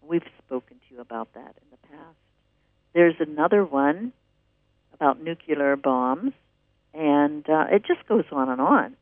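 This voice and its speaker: A man's voice: fairly high pitch, expressive, measured pace, dry recording. A man hosting a radio show, chatting enthusiastically and rambling as he plugs classes and articles. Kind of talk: casual promotional radio talk. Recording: narrow dry phone-like radio audio.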